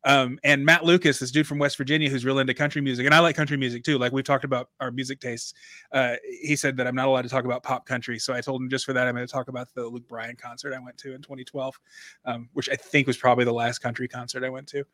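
A man's voice: medium pitch, little pitch movement, fast talker, pushed and bright, dry recording, clean studio sound. A man co-hosting a podcast, talking in a rambling, chatty way, often restarting and correcting himself. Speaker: podcast co-host. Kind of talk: casual conversational podcast chat.

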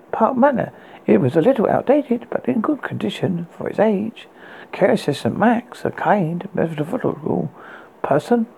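Woman, horror host storyteller, very raspy and husky, swooping pitch, deliberate scripted delivery. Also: mellow, rough recording. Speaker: horror host reading own short story.

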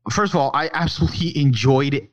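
A man's voice: fairly high pitch, fairly quick. A man co-hosting a podcast, chatting casually about film and talking in rambling, profane bursts full of restarts. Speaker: podcast co-host.

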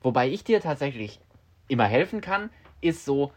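A young man co-hosting a podcast in casual chat, relaxed and chatty, with many fillers and English slang words. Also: mid-range voice, moderate pace. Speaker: podcast co-host.

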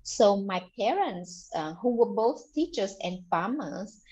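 A woman's voice: medium pitch, animated, slow, a little mellow. A woman from Vietnam, telling her story as an author guest in an earnest interview, leaning often on "you know". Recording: dull lo-fi audio.

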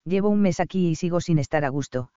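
A man's voice: a little high, fast talker, dark tone, smooth, no room sound, lo-fi sound, lightly acted. A man voicing a homesick, unsure young woman doctor in an audiobook.

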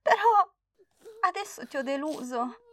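A woman's voice: expressive, normal speed. A woman voicing a proud, perfectionist nine-year-old girl who boasts eagerly and turns tearful in a storybook reading. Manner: boastful, high and eager, tearful when she fails.

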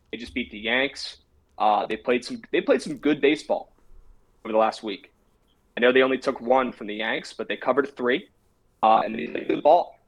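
Male co-host, mid-pitched, brash and casual, sports betting talk. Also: rough recording. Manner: brash, confident picks talk.

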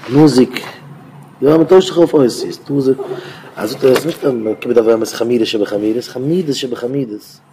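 A man, a rabbi, giving an informal Torah talk in a rambling, conversational way with sudden louder bursts. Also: medium pitch, normal speed, slight background noise.

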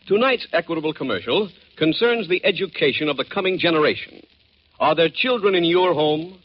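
Male radio announcer from an old broadcast disc: high, animated, formal, muffled. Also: husky. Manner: formal, emphatic sponsor announcements. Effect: old broadcast disc transcription.

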